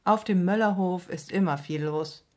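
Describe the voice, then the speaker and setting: A woman narrating a children's story in a gentle, even manner. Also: lowish voice, moderate pace.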